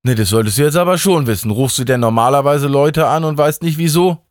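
A man's voice: fairly quick, no echo, studio quality, natural voice. A man playing a frazzled, drugged-up God. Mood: exasperated. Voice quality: rambling, exasperated, rising to a high pitch. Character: stressed drug-addled God, male, ancient, irritable.

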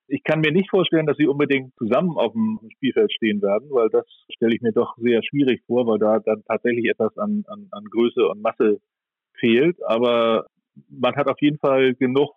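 At a moderate pace and medium pitch, a male sports pundit offers thoughtful, conversational analysis, reasoning out his judgments aloud. The audio has no echo but is dull and band-limited.

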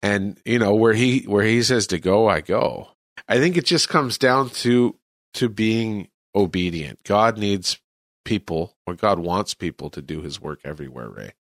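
A man's voice: fairly low pitch, lively intonation, a little slow, a bit bright, dry recording, studio quality. A man from California, a missionary, talking earnestly about faith in an interview. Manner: earnest, preacherly.

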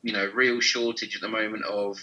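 A man hosting a podcast interview, chatty and relaxed, with lots of ums. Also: fairly low pitch, a little fast, muffled recording. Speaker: podcast host.

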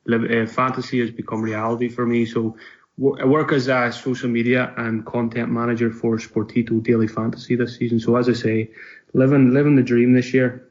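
A man's voice: medium pitch, flat delivery, fairly quick, highs cut off. A man in his thirties with a Donegal Irish accent, chatting casually as a podcast guest. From Donegal, Ireland. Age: 30s. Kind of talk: casual interview chat.

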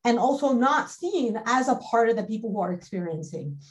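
A woman's voice: fairly high pitch, animated, brisk, poor audio. A woman from the Galilee speaking as a researcher on an academic panel, earnest and explanatory, with frequent fillers. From Israel (Galilee).

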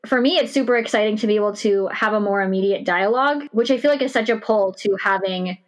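A woman's voice: medium pitch, quick pace. A woman hosting a podcast in a casual, conversational way, hedging often as she talks informally. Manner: informal, hedging with "like" and "you know". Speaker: podcast host. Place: recorded in a shed.

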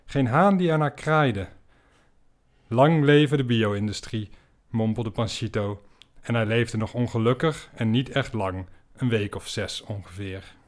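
Deadpan male comic storyteller. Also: lowish voice, a little slow, hardly any pauses. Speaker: podcast host.

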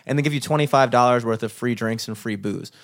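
A young man tells a story in a loose, rambling way, with likes and curse words piling up as he goes. His voice sits in an ordinary middle pitch. It is casual chat among friends. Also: fast talker. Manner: rambling, lots of fillers and swearing. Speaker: musician.

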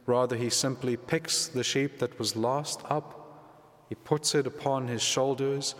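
A man, a priest, reading the gospel and preaching in a measured, reflective way, his voice ringing with a cathedral-like echo. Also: medium pitch. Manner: measured, reflective, conversational asides. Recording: long echoing church reverb.

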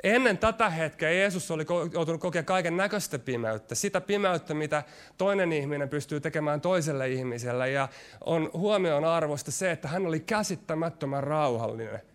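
A man preaching a sermon, his delivery shifting between quick, pressing stretches and slow, hushed lines. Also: a little high. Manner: varied delivery, rushing ahead then dropping to slow, hushed lines.

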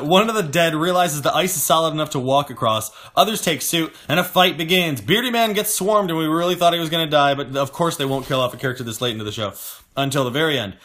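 A man's voice: a little high, animated, a little fast, a bit bright. Joking young man recapping a show. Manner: joking, laughs often, playful asides. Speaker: podcast host recapping episodes. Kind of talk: casual recap chat.

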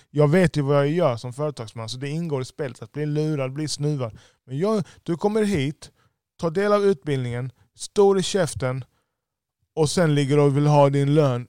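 A business owner with a lisp, giving a blunt, profane podcast monologue. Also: male voice, fairly high pitch, darkish tone, smooth, no echo, studio quality.

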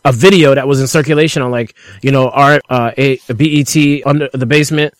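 A man co-hosting a casual podcast, telling stories in an animated, profane way. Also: mid-range voice, brisk, dry recording. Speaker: podcast co-host. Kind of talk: casual chat.

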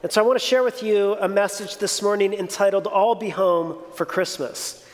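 High-voiced man preaching in a hall. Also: steady tone, moderate pace. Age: 40s. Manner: conversational, reflective preaching. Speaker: pastor. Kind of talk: sermon. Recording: reverberant hall.

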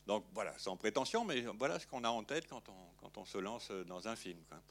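A man's voice: lowish voice, very animated, a little fast, fairly bright tone. A film director talking in an interview, rambling and peppering his sentences with little fillers. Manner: rambling, filler-heavy, frequent "hein". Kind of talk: interview conversation.

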